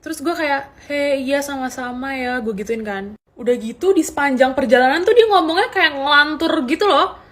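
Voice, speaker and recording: Picture a young woman telling a story on a casual podcast. Her voice sits a little high. She talks in slang and retells everything with animated, dramatic flair. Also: moderate pace.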